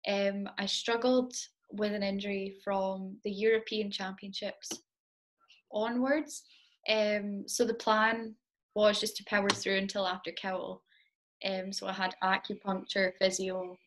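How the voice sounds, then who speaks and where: Chatty young woman with flat intonation. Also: mid-range voice. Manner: chatty, many ums, self-deprecating laughs. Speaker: interview guest, competitive Highland dancer. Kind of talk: casual interview answers.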